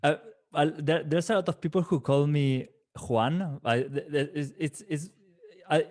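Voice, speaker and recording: A man in his late thirties from Valencia, Spain, a native Valencian speaker, with a slightly high, slightly mellow voice at a somewhat slow pace. He's a guest calligrapher in a casual interview, often restarting his words and laughing.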